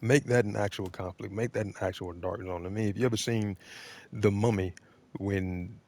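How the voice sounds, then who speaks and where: Deep-voiced man, blunt gaming commentary. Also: fairly even intonation, moderate pace, a little mellow. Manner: blunt, opinionated, defensive. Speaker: gaming video creator. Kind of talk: off-the-cuff video game commentary.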